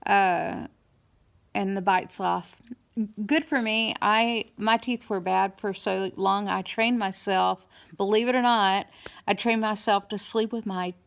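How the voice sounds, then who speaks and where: A woman giving a casual, halting personal update, weary after dental surgery, slightly hoarse, with speech a little impeded by a swollen mouth and new teeth. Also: medium pitch.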